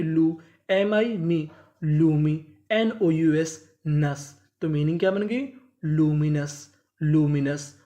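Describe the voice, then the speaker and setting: A woman teaching English vocabulary. She spells each word out in letter chunks, asks her own questions, answers them, and repeats each word slowly. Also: on the low side, mellow. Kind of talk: spoken vocabulary lesson.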